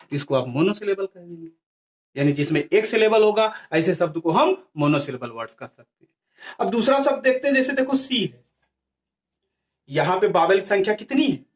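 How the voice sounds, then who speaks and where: A man. He poses a question, pauses, and then answers it himself. He goes over each key word more than once as he explains. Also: high-pitched. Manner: asks questions and answers them himself, repeating key words. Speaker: teacher. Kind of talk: classroom grammar lesson.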